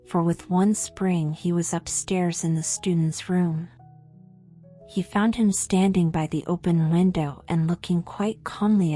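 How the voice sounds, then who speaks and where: A woman narrating a fairy tale for sleep in a soothing, measured manner that softens to a hush at the ends of phrases. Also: fairly low pitch. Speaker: storyteller. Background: music.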